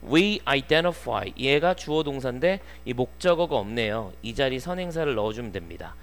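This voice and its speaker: A male English teacher giving an exam-prep lecture who goes through the sentences line by line and reads the English parts slowly. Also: mid-range voice, lively intonation.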